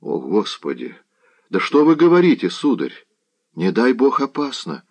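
A man's voice: medium pitch, huge pitch swings, a little slow, darkish tone, voice pushed up, exaggerated voice. A man doing a flustered young servant lad. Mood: startled. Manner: rustic, exclaiming, pleading. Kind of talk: audiobook character voice.

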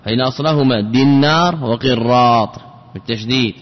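Male teacher, patient drilling delivery, lo-fi recording in a reverberant hall. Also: mid-range voice. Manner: repeats words slowly and drills each example. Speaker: teacher of Arabic grammar. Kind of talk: classroom lesson.

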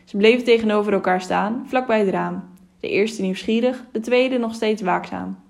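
A woman reads a storybook aloud in a calm, even voice. Her pitch sits in the middle for a woman. She narrates steadily. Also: moderate pace, gravelly. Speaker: audiobook narrator.

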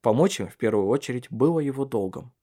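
Expressive male audiobook narrator. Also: medium pitch. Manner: measured storytelling. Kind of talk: scripted literary narration.

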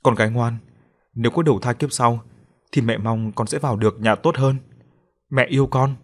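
A loving elderly mother speaks softly and tenderly to her family as a man reads her lines. Her pitch is middling. It is a plain storybook voice. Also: normal speed, close to an everyday voice. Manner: soft, tender, choked. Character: old mother, gentle and loving.

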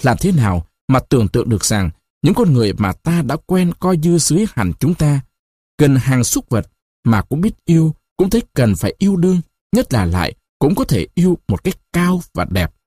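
A man reads a novel aloud as an audiobook, expressive and measured. His voice is warm and slightly husky, with a lively rise and fall in pitch. The sound is close and dry. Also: dry recording. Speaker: narrator. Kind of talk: audiobook narration.

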